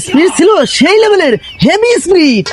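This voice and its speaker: A man playing a smooth-talking village swindler in a comic drama, spinning drawn-out excuses. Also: very high voice, very animated, background noise. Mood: blustering. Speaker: con man selling fake electricity.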